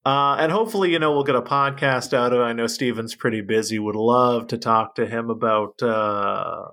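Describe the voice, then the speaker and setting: Male co-host, deadpan humor, bright forceful tone. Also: medium pitch, normal speed. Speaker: podcast co-host. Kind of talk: casual comedic chat.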